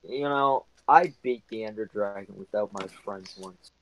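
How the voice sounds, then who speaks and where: A man's voice: lowish voice, normal speed, no echo. A man chatting casually with friends while playing a game, teasing and laughing often. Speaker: gamer. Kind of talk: casual gaming voice chat.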